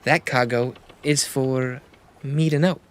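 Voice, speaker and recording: A man's voice: mid-range voice, steady tone, slow, slight background noise, close to an everyday voice. A man playing a stern, proud male ship captain who answers in a clipped, defensive way.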